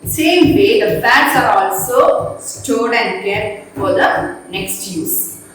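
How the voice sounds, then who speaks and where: A woman teacher with a slightly high voice explains at the board and keeps asking the class questions. She is heard from a distance, in a very echoey room with a light noise floor behind her. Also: expressive, slow. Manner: repeats points and quizzes the class.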